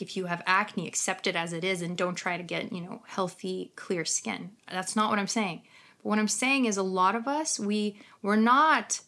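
A woman's voice: mid-range voice, fairly bright tone. A woman with a Ukrainian accent chatting informally as a skincare specialist on a live Q&A, blunt and happy to swear. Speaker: skincare specialist answering live stream questions. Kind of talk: casual live Q&A chat.

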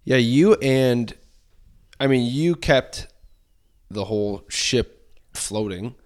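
A man's voice: medium pitch, lively intonation, takes it slowly, a little mellow. A man hosting a podcast, recounting a race in a reflective, grateful way during casual chat. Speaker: podcast host, ultrarunner.

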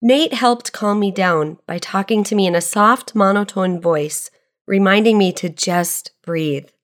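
A woman reads a devotional reflection in an earnest, measured voice, moving between scripture and her own experience. Her pitch sits in an ordinary middle range, neither high nor low. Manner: earnest, measured, personal storytelling.

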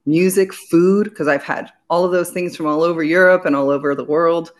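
Speaking at a moderate pace in a lowish, steady voice, a woman who grew up in Belgium and runs a business answers questions as a guest. Her sentences flow long and earnest in this conversational interview.

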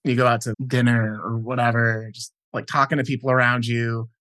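A man hosting a podcast interview, relaxed and agreeable, often replying briefly. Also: mid-range voice, brisk, no room sound. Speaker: podcast host. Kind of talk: conversational interview.

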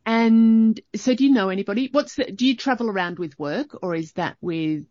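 Chatty aussie lady hosting a podcast, gushy and warm-hearted, kinda dull dry recording. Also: medium pitch, normal speed, no echo. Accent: Australian. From Australia. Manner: enthusiastic, effusive. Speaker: podcast host. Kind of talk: casual podcast interview.

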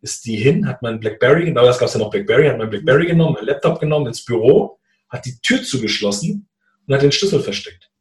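A man in a casual conversation, telling a personal story in a lively way and acting out what people said. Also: mid-range voice, fast talker, echoey room. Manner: animated, acts out quoted dialogue. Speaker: guest telling his story.

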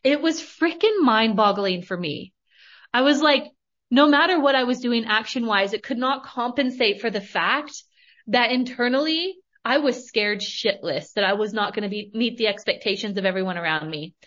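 American woman host, candid storyteller, slightly higher pitch; dull lo-fi recording. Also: normal speed. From United States. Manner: candid, animated storytelling with casual swearing. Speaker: podcast host, money coach. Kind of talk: casual monologue.

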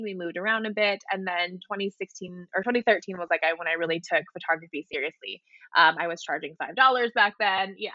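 A woman in her thirties from Hawaii talks with a bright, forceful voice, rambling casually and leaning hard on "like." The sound is dry and a touch dull, as if captured on a modest home setup over a call. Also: mid-range voice, no echo. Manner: chatty, peppered with "like", casual swearing. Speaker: podcast guest, wedding photographer. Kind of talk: casual interview chat. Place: home apartment.

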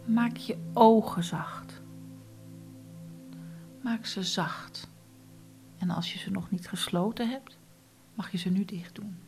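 A woman guiding a relaxation meditation, speaking softly and often in a whisper. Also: medium pitch, over music. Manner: slow, soft, often whispered instructions. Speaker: meditation guide.

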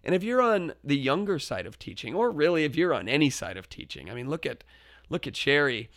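A teacher and podcast host tells a classroom story earnestly and reflectively, often restarting his phrases, in a slightly high, very animated voice at a slightly quick pace. He builds up to loud, forceful quoted shouts, and the clean studio sound has no room sound.

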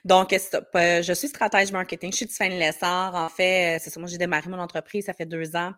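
A woman with a Quebec French accent and a fairly low voice, recorded close and dry. She sounds gravelly and a bit hoarse from a cold coming on, and explains in a loose, conversational way with many filler words. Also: level tone, fast talker, a bit bright, no room sound. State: slight head cold starting. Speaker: podcast guest, marketing strategist.

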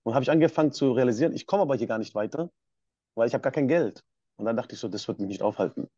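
Fast-talking man with a dark, husky voice. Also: medium pitch, lively intonation, no echo, muffled recording. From Swabia, Germany. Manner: passionate, emphatic. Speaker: podcast guest. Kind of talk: personal storytelling.

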